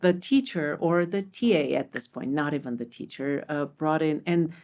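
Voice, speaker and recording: With a low voice and moderate pace, this middle-aged Armenian woman, a repat parent, tells lively stories during a casual panel conversation. She restarts her sentences frequently as she goes.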